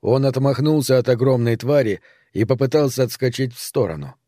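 Man narrating an audiobook, dark tone. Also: medium pitch, dry recording, studio quality. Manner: measured storytelling.

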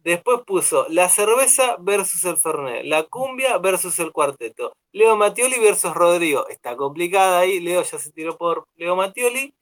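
Young Argentine man, radio co-host, slightly high voice, rambling, filler-heavy casual chat. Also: normal speed, few pauses. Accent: Argentine Spanish. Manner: rambling, relaxed, many fillers.

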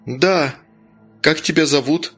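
A woman's voice: low-pitched, takes it slowly, slightly rough, soft background music, heavily acted. A man voicing a strict young mother who barks orders like a stern teacher. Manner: commanding, clipped orders.

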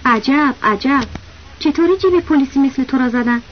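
A woman's voice: high-pitched, close to an everyday voice. A woman reading the lines of a male village school principal, a chatty know-it-all who keeps cutting in with insistent, knowing remarks. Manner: knowing, insistent, talks over others. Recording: dull lo-fi audiobook recording with faint hiss.

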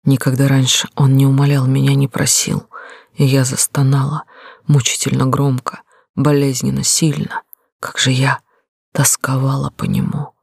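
Brief: intimate, emotional audiobook narrator with a gravelly, dry sound. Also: medium pitch, completely flat delivery, normal speed, a little mellow, no echo. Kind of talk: first-person romance audiobook narration.

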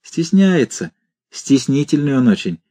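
A man's voice: mid-range voice, sing-song, unhurried, dark tone. Man doing a timid, tender commandant. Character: timid, gentle male commandant, fond of his creature.

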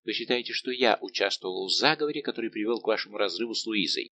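In an audiobook, a male reader voices a young lady-in-waiting who teases sharply and asks mocking, pointed questions. His voice is lowish, animated and fast, with a bright, forceful tone.

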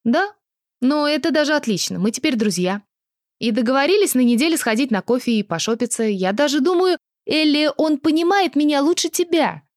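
Woman reader as an excitable, touchy young woman, high-pitched, dry sound. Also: no echo. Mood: indignant. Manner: excitable, emotional, quick to take offence. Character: tipsy indignant young woman, dramatic and touchy.

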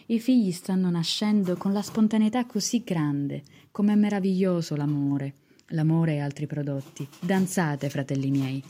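A woman's voice: lowish voice, normal speed, warm tone. A young woman from Palermo gives a theatrical, swelling poetry reading, rising and falling in intensity. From Palermo, Sicily, Italy. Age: young adult. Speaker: art student reading a poem.

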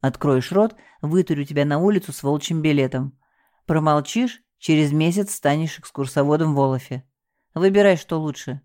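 A woman's voice: low voice, moderate pace, warm tone, close to an everyday voice. A woman voicing a bossy, scheming middle-aged female hotel manager who gives curt, commanding orders. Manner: curt, commanding, falsely soothing.

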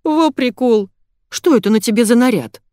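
A woman voicing an excitable, naive teenage girl in an audiobook, loud and eager. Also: fairly high pitch, normal speed, no echo, clean studio sound, voice pushed up. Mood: amused. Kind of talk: audiobook character voice.

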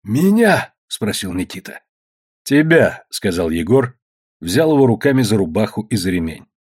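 A man narrating an audiobook with measured storytelling. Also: sits low, expressive, a little mellow, husky. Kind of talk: audiobook reading.

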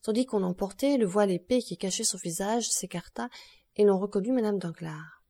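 A woman narrating a classic novel as an audiobook, measured and expressive. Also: mid-range voice.

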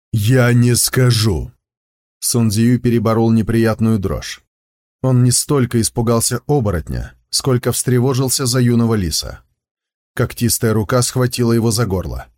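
A man reading an audiobook with steady, measured scripted narration. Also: mid-range voice.

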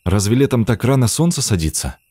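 A man's voice: medium pitch, animated, normal speed, darkish tone, breathy edge, pitched above the performer's own voice. A man reading an audiobook, voicing a puzzled, skeptical young man in a questioning tone.

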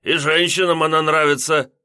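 A man's voice: a little high, little pitch movement, normal speed, pushed and bright, clear, resonant tone, no echo, studio quality, voice pushed up. A man voicing a drunk, giggling heavyset lodger who talks in a silly, drawling way. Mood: tipsy.

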